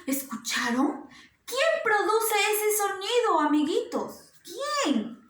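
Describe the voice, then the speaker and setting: A woman giving a slow, coaxing lesson to small children, asking them questions again and again in a sing-song way. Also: very high-pitched, sing-song, fairly bright tone. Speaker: preschool teacher. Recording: roomy echo.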